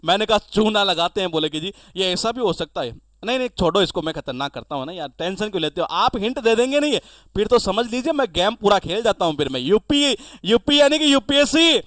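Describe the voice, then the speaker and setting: A man's voice: sits high, animated, brisk, a bit bright, no room sound. A male teacher giving an exam-prep lesson, chatty and acting out little dialogues to teach memory tricks.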